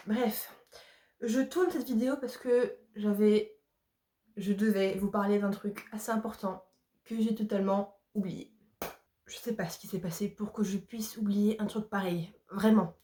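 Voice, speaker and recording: A young woman talks straight to her viewers in a loose, rambling vlog, often laughing at her own forgetfulness. Her voice sits a bit high, and the room around her rings with a noticeable echo. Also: a little mellow, slight background noise. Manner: chatty, rambling, self-mocking. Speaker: vlogger. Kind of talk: casual vlog chat. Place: bedroom. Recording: echoey room.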